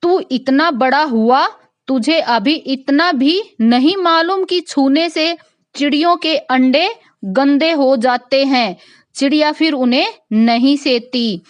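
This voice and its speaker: A woman's voice: high voice, takes it slowly, no room sound, highs cut off, pitched above the performer's own voice. A woman teacher voicing a stern village mother who scolds her son, reading it with emphatic stress. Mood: scolding.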